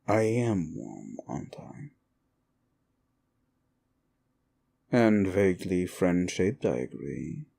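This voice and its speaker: In this intimate comfort ASMR roleplay, a man voices a sinister soul-eating demon who grudgingly soothes a human. The exaggerated voice is low, dark and hushed with vocal fry and big pitch swings, slow and deliberate, soothing with a dry menace.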